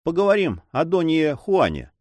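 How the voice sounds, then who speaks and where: A man's voice: on the high side, wildly swooping pitch, normal speed, darkish tone, no room sound, pitched above the performer's own voice. A man voicing an eager young nobleman in love who pleads impatiently.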